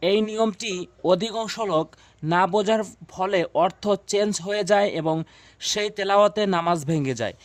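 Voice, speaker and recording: A man with a high voice teaches Quran reading, recorded close and dry with no room sound. He repeats each rule several times and chants syllables in drills, pausing on hesitant fillers between phrases. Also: no echo. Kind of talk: spoken tutorial lesson.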